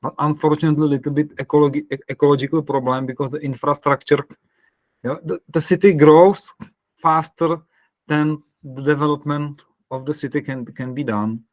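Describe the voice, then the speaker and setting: A man from the Republic, a parish priest talking casually on a video call, searching for words with soft laughs. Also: fairly high pitch, steady tone, a little fast, dry recording, dull audio. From Czech Republic.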